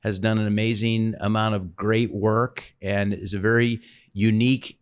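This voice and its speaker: A man co-hosting a podcast, relaxed, conversational and encouraging. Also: lowish voice, normal speed, clean tone. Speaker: podcast co-host. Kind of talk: casual podcast talk.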